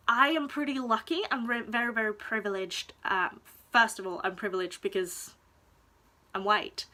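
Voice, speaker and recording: A young woman from Denmark, talking in a personal vlog, hesitant and reflective, pausing often to search for words. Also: on the high side, bright, forceful tone. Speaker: vlogger. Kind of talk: personal confessional vlog talk.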